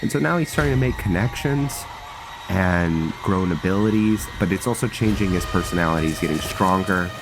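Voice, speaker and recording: A man's voice: deep voice, brisk. A man giving casual let's-play commentary on a role-play game, thinking aloud in rambling, broken-off phrases. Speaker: gameplay host.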